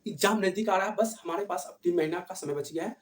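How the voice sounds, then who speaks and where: A man's voice: sits high, fast talker, recorded from a distance. Male teacher, quizzing students with repeated rhetorical questions; roomy echo, mic set back. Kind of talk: classroom-style exam revision lesson. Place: room with camera set back from the speaker. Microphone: distant camera mic. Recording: echoey room, voice from afar.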